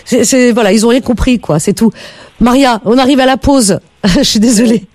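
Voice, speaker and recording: A woman's voice: a little high, normal speed, a little mellow, no echo. Radio host woman, chatty and emphatic, dry close studio sound. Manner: chatty, emphatic, frequent laughs. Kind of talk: casual call-in chat.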